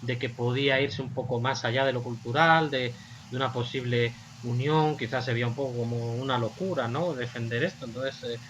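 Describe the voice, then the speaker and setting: A man hosting a casual panel discussion, guiding the conversation in a measured way. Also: medium pitch, fairly bright tone, highs cut off, slight background noise. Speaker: host.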